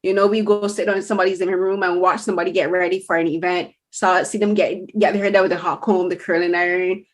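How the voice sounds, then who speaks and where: A woman's voice: lowish voice, little pitch movement, fast. Chatty woman interviewer from Barbados. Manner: chatty, restarts and rephrases often. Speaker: interviewer host. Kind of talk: casual interview.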